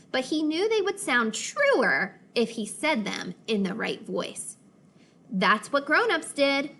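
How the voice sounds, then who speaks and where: A woman's voice: a little high, fairly bright tone. A woman teacher explaining vocabulary and reading a story aloud to young children, patiently and with voices for the characters, over a video call. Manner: patient, explaining words slowly, acting out character lines. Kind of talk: read-aloud lesson for children.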